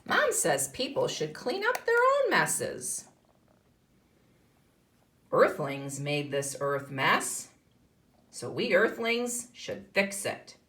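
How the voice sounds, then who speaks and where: A kindergarten teacher takes it slowly while reading a picture book to young children, pausing often and explaining and asking questions as she goes. Her voice is deep and fairly bright, with wildly swooping pitch.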